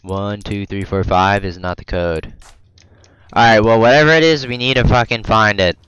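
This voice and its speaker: A man playing a video game and commenting, rambling, swearing often and bursting into loud excited outbursts, close to his microphone. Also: lowish voice, normal speed, clean tone, low-quality recording. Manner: rambling, stumbling over words. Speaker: gamer. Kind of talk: let's play commentary. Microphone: close desk mic.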